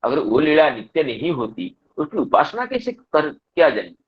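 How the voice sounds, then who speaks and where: A man's voice: a little high, very animated, moderate pace, husky. A man giving a scriptural discourse who quotes Sanskrit and explains it line by line, repeating key phrases. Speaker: Bhagavata katha speaker. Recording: dull lo-fi recording.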